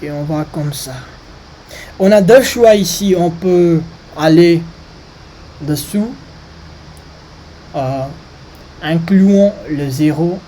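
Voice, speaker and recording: A non-native French speaker with a foreign accent gives an informal maths lesson, haltingly searching for words. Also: medium pitch, mellow, a little hiss or hum, rough recording. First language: not French. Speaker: maths video presenter.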